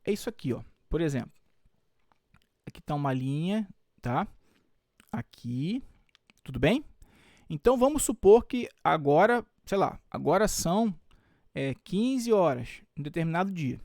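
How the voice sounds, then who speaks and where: A man's voice: on the high side, a little mellow, no room sound, clean studio sound. A Brazilian man teaching Portuguese for exams, explaining step by step and often checking in with his students. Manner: explains step by step with frequent check-ins like "tá?" and "tudo bem?". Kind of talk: exam-prep video lesson.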